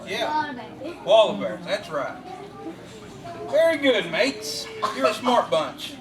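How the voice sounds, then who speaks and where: A man's voice: high-pitched, very animated, slow, heavily acted. Man doing a jolly Australian outback guide. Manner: jokey, upbeat, addresses the crowd as mates. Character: cheerful outback guide man, teasing, folksy. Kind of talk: live church skit acting. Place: large hall with an audience. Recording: roomy distant live recording with audience and noise.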